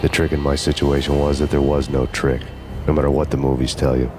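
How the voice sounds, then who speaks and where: Max Payne, a weary noir ex-cop with a very deep voice. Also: male voice, a little fast. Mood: deadpan. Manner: deadpan, dry sarcastic wit. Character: cynical hardboiled ex-cop, weary and grim. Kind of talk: noir game narration and dialogue. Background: music.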